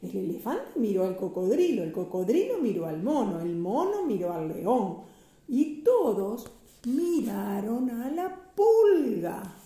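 An older woman with a Rioplatense accent reading a children's picture book aloud, slow, sing-song and expressive. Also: fairly high pitch, echoey room. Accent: Rioplatense Spanish. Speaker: storyteller grandmother.

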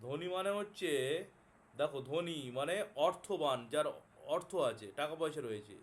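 A man with a Bengali accent teaching a lesson as a tutor, explaining slowly, repeating each word and checking with his students. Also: fairly high pitch, animated. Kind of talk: classroom lesson.

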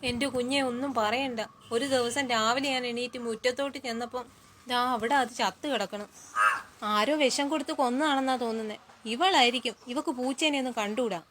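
Sharp-tongued mother, acted by a woman, scolding, gossipy, slightly high voice, short-film comedy. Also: a little fast, slight background noise, natural voice. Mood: gossiping. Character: scheming middle-aged mother, sharp-tongued toward daughter-in-law.

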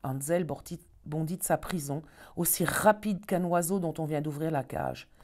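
A woman storyteller reading a fairy tale aloud in an expressive, measured way. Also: low voice.

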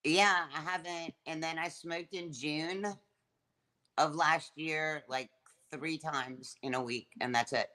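A woman's voice: low voice, fairly even intonation, takes it slowly, pushed and bright. A middle-aged woman joining a livestream by video call from her couch, giving short, offhand answers. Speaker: streamer guest. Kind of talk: casual livestream chat. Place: living room couch, indoors. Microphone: phone camera on video call.

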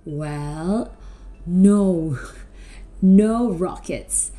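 Woman doing kids show host talk, slow and animated, simple questions, faint music behind. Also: fairly low pitch. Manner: animated, simple questions and drawn-out words for children. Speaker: children's presenter at a school Christmas service.

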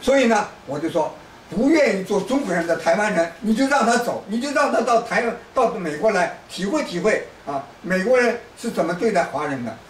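High-voiced man lecturing from afar. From China. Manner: lecturing, repetitive restarts, hectoring asides. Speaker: political commentator. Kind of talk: rambling political monologue. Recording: roomy, distant mic, faint background noise.

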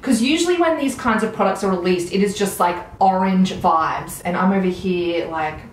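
In a rough, roomy recording with a little hiss or hum, a beauty vlogger in her thirties, Australian-accented, enthusiastically describes products as she applies makeup in a small room at home. Her pitch is medium and her pace moderate.

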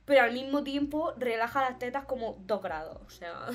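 A woman with an accent from Spain, co-hosting a podcast in casual chat, expressive and playful and laughing often. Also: sits high, unhurried. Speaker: podcast co-host.

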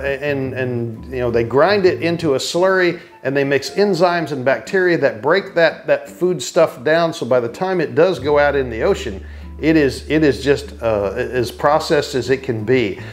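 A man in his fifties recapping a cruise ship tour to camera from a small cabin, chatty with lots of fillers and restarts. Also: mid-range voice. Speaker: travel vlogger. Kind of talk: casual travel recap to camera.

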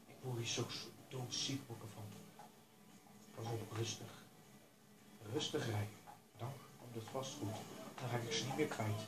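A man giving casual commentary over his own racing game, talking to himself and urging himself to stay calm. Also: medium pitch, normal speed, long pauses, roomy sound, noisy background. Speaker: gaming YouTuber.

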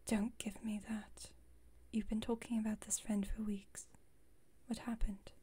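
Sounding concerned and blunt, the vampire woman, performed by a woman in an intimate ASMR roleplay, speaks in a breathy, mellow whisper at medium pitch. She keeps a measured pace and a fairly even delivery. Haughty and playful, she teases formally and wryly while staying protective.

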